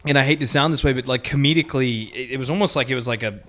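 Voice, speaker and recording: A man in his twenties, a podcast co-host, telling a story in a rambling, animated way full of filler. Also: medium pitch, rapid-fire. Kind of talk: casual storytelling among friends.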